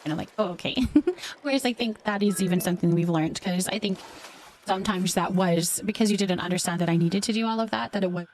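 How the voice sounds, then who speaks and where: Reading comments aloud on her casual livestream, a Canadian woman replies fondly and supportively, addressing listeners with endearments. Her mid-range voice moves fast and sounds a little mellow. A bit of hiss or hum sits under the audio.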